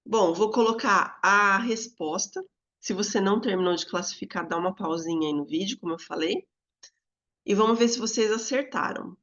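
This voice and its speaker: Her medium-pitched voice comes through with the highs cut off. A Brazilian Portuguese-accented woman teaches calmly on video, drawing out words in a sing-song to highlight stress.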